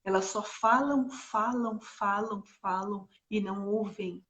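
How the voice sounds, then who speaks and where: A middle-aged woman co-hosts a parenting live stream, explaining ideas casually and with animation, full of examples and asides. Her pitch is medium, and she takes it slowly.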